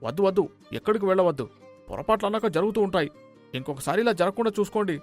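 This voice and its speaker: A man's voice: sits high, animated, racing, faint music behind. A man voicing a sly, worried middle-aged householder in a cartoon story, pleading and coaxing.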